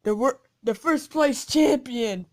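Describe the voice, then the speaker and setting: A woman commentating her own gameplay, giggling and switching between taunting whispers and excited shouts. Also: sits high, slow, very noisy. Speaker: gaming channel host. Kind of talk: game commentary.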